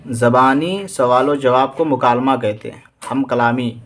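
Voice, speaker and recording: A man's voice: medium pitch, a little hiss or hum. A man with an Indian Urdu accent teaching exam vocabulary. He reads each word with its meaning, repeats it and quizzes his students.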